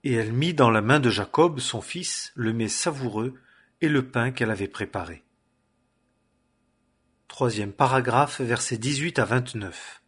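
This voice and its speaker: A man reading scripture aloud in a solemn, measured way. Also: medium pitch, fairly bright tone, breathy edge. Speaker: scripture reader.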